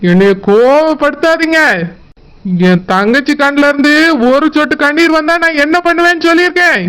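A woman's voice: high voice, normal speed, a bit bright, low-quality recording. A woman voicing an angry, protective elder brother in a village cartoon, with a Tirunelveli Tamil accent. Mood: threatening. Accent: southern Tamil Nadu (Tirunelveli). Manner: threatening, scolding, then remorseful. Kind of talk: cartoon voice acting.

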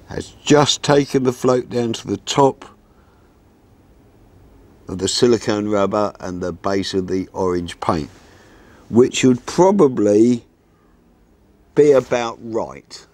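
Calm, methodical older man teaching. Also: lowish voice. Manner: calm, methodical, practical explanations. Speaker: fishing instructor. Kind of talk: step-by-step tutorial. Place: outdoors in a fenced garden, seated at a table.

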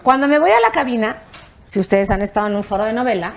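An older Mexican woman tells backstage stories as an interview guest, acting out each exchange. Her voice sits high and swings widely in pitch. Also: fast talker, crowd noise. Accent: Mexican Spanish. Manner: animated, acts out quoted dialogue with raised voice and laughter. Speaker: television producer, interview guest. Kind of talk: anecdotal storytelling in an interview.

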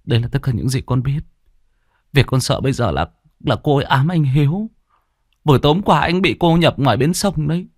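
A man's voice: medium pitch, lively intonation, brisk, darkish tone, no echo, studio quality, pitched above the performer's own voice. A man voicing a frightened young man confessing hesitantly.

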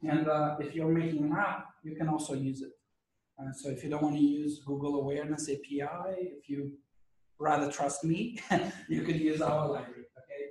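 Hoarse male lecturer in an echoey room. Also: fairly high pitch, steady tone, normal speed, a little mellow. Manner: conversational, checks in with "okay?". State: losing his voice, clearing his throat. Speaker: university lecturer. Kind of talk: classroom lecture. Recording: echoey room, mic at a distance.

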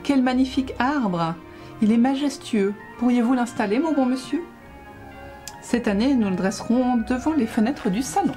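Woman doing a fussy storybook gentleman, excitable and exclamatory, pitched well up. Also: normal speed, soft background music, lightly acted. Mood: excited. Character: fussy rich old gentleman.

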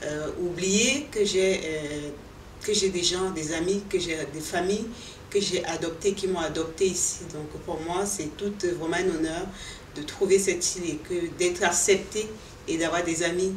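A woman's voice: lowish voice, steady tone, normal speed, a little hiss or hum. A middle-aged woman from Cameroon, a fashion designer and boutique owner, answering interview questions in an earnest, hesitant way with many fillers and restarts. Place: indoor boutique, seated. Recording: echoey room, voice from a distance, music underneath.

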